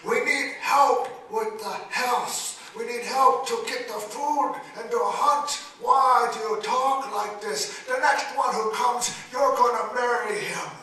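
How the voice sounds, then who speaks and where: A man doing a shouting stern father. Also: very high-pitched, slow pace, hardly any pauses, voice pushed up, heavily acted. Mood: angry demanding. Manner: shouting commands. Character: stern loud father, older man, demanding. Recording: echoey room from far off.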